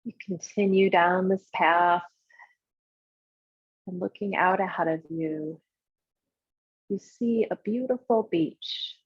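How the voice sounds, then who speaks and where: With a slightly husky, lowish voice, a woman guides a meditation visualization, giving short, unhurried instructions with pauses in between. The sound is muffled, roomy and full of echo.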